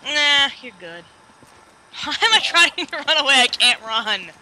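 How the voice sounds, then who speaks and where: A giggly, self-mocking let's play co-host chatting through casual gameplay, the pitch bouncing around a lot. A home gaming recording with clear background noise sits behind the voice. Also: very animated, unhurried, bright, forceful tone, poor audio.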